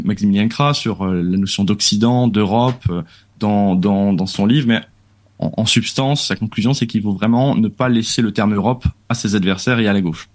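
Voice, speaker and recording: Low-voiced male guest, explanatory, halting radio talk. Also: a little mellow. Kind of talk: radio talk-show discussion. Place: radio studio.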